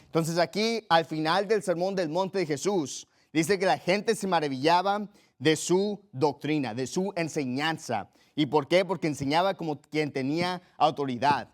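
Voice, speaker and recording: A man's voice: a little high, normal speed. A man preaching a sermon in an earnest, emphatic way, repeating his key phrases. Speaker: pastor.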